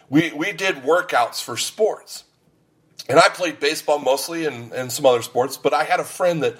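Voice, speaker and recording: A middle-aged man preaching a sermon, mixing scripture with jokes and personal stories. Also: medium pitch. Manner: joking, anecdotal storytelling. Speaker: pastor.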